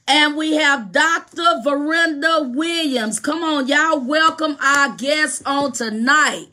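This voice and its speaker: A woman hosting a live radio podcast over her phone, greeting viewers by name with lively, repetitive excitement. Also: high-pitched, slow pace.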